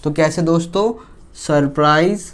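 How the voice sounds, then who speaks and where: A man teaching English grammar in an online lesson, speaking slowly and deliberately, asking questions and answering them himself. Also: on the high side. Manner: slow, deliberate, asks and answers his own questions; spells out English example sentences word by word.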